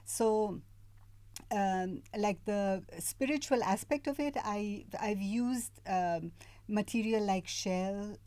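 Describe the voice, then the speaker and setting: A middle-aged woman from Iran, a guest artist, speaking hesitantly with many pauses in casual interview chat. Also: medium pitch, mellow, no room sound. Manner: hesitant, many fillers and restarts.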